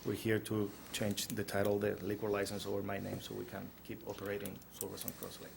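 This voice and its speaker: A man from Chile, introducing himself at a council meeting in a halting way, with many fillers and restarts. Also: lowish voice, completely flat delivery, creaky, slight background noise. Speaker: restaurant owner applying for a license. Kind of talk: nervous self-introduction at a public meeting. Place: council chamber.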